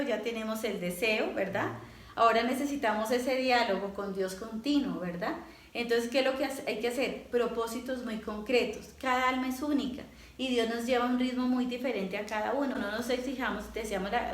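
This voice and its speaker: A woman leading a prayer group, teaching in an earnest way and often checking in with her listeners through short tag questions. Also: a little high. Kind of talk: spoken religious teaching. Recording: echoey room.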